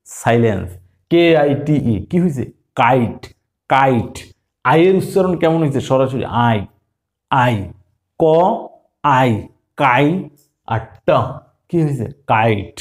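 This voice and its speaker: A man's voice: medium pitch, a little mellow. A man teaching English phonics in a classroom style. He asks questions, answers them himself and spells words out sound by sound.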